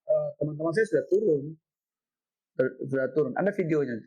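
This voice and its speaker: A middle-aged man, a guest telling a story in an interview, animated, repeating himself and ending lines with "Pak". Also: a little high, brisk, narrow, tinny audio. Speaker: head of city education office, guest.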